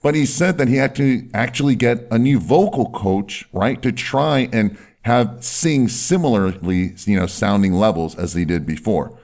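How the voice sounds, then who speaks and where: A man with a deep, firm voice presenting instructional advice in an emphatic way, stretching key words and often checking in with short tag questions. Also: moderate pace, hardly any pauses, a little mellow. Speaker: presenter giving voice and health advice. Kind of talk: instructional talk to camera or listener, salesy explainer.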